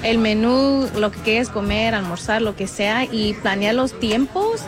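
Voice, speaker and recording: A woman's voice: fairly high pitch, lively intonation, a little slow, music in the background. Friendly Mexican woman interview guest. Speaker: interview guest, park food staff. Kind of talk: casual interview answers.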